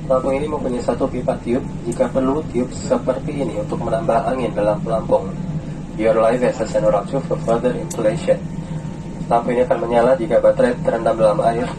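A man's voice: mid-range voice, brisk. A man with an Indonesian accent, a flight attendant reading a scripted safety announcement in a formal, recited way. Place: inside an airliner cabin. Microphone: cabin PA recorded from passenger seat. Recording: distant cabin PA, loud aircraft noise. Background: steady aircraft cabin noise.

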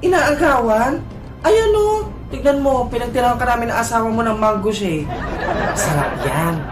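Playful sketch comedian, man, echoey room with loud guitar music behind. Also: very high voice, fairly quick, over a noisy crowd. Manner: playful, singsong apologizing to mother. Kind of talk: comic monologue and sketch.

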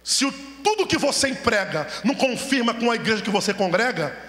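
A man preaching in a church, his high, bright voice ringing through a long hall reverb. He drives the sermon with rhetorical questions and pushes the congregation to answer amen. The sound is echoey and roomy, as from a church's own sound system. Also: fast. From Brazil. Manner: animated, rhetorical questions, calls for amens. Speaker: pastor preaching. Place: church sanctuary, at the altar.

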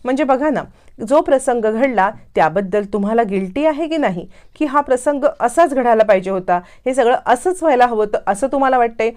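A woman's voice: a little high, expressive, fairly quick, darkish tone, voice pushed up, close to an everyday voice. Woman reading as a stern old patriarch. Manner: stern, lecturing. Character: stern elderly family patriarch, man.

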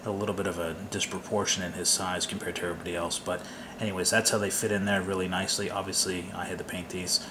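A man's voice: sits low, little pitch movement, fast talker, background noise. A man walking through his scale model build at the workbench, loose and rambling, with lots of fillers and restarts. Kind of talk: hands-on build walkthrough. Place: workbench, off camera.

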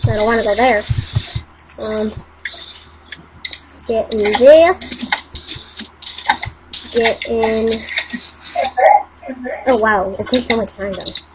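A woman giving casual, excitable commentary on her own gameplay, muttering to herself and breaking into silly sing-song chants. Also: a little high, slow, long pauses, very noisy. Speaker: gameplay channel host.

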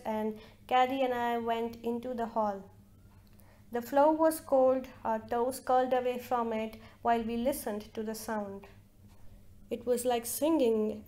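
A woman reading a literary short story aloud with slow, measured narration. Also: on the high side, a little mellow. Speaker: reader.

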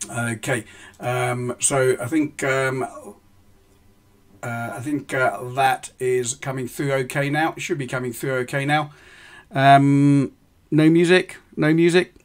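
A middle-aged forex trading host walks his stream viewers through live currency market commentary in a steady, mid-range voice. His explanations come step by step but haltingly, full of ums and restarted sentences. It sounds like a small indoor room, with him speaking into a desk microphone.

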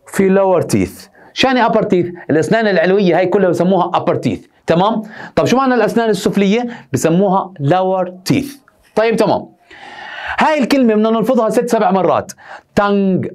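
A male teacher, drilling vocabulary by asking and answering his own questions. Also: sits high. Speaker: English teacher. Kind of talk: vocabulary lesson, repeating words.

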